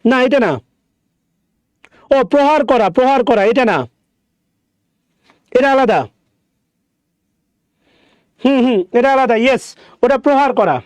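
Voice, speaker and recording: Man teacher, very high voice, dry close sound, repeats words over and over, grammar lesson. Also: smooth, no room sound. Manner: repeats words slowly while explaining.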